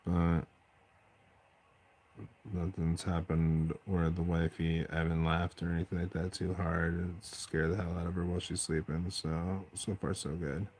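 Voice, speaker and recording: A man with a deep bass voice, chatting casually on a late-night stream at home while he paints miniatures, rambling and restarting his sentences. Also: little pitch movement, unhurried, a little mellow, a little hiss or hum. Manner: rambling, self-interrupting, chatty. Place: at home at night, family asleep.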